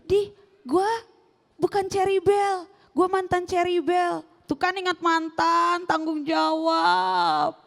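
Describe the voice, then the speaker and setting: A woman's voice: extremely high pitch, steady tone, slow, big-room sound. A young woman doing a stand-up set on stage, in slangy casual talk, playful, acting out quoted voices. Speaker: stand-up comedian. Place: stage before a live audience.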